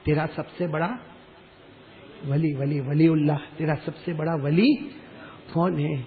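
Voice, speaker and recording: A preacher voicing an earnest puzzled prophet. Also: male voice, on the high side, fairly even intonation, slight background noise, voice pushed down, lightly acted. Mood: pleading. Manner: pleading, repeating himself. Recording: tinny phone-like sound.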